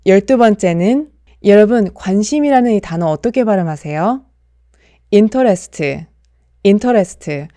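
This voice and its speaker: In a clean studio recording with no room sound, a young adult woman delivers a scripted pronunciation lesson at a moderate pace. Her mellow, medium-pitched voice is expressive as she carefully repeats model words and explains between them.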